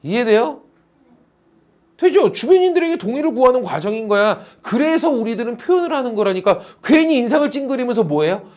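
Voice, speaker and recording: A man's voice: extremely high pitch, sing-song, brisk, a little mellow. A male teacher giving a classroom lecture, teasing and calling on students by name.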